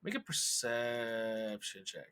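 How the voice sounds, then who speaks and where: A man's voice: medium pitch, expressive, slow pace, sharp tone, clear, resonant tone. A man running a tabletop game as game master, describing scenes in a loose, stop-start way with fillers.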